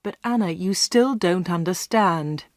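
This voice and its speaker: A woman doing a quiet, menacing man. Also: measured pace, dry recording, studio quality, natural voice. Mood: quietly menacing. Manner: quiet, low and insistent. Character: menacing man with strange powers.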